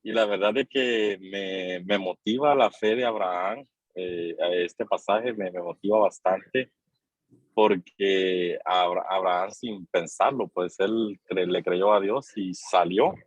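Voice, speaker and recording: A man's voice: low voice, takes it slowly, no echo, highs cut off. Hesitant man calling in from his car. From Guatemala. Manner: hesitant, many fillers and restarts. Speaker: church course participant. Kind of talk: casual group sharing. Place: in a car while driving.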